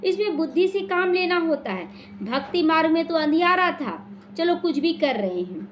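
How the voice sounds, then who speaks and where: A woman's voice: very high voice, lively intonation, normal speed, slight background noise. A woman teaching a devotional class, explaining scripture and answering her own questions. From India. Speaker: spiritual teacher explaining the daily murli. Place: small prayer hall.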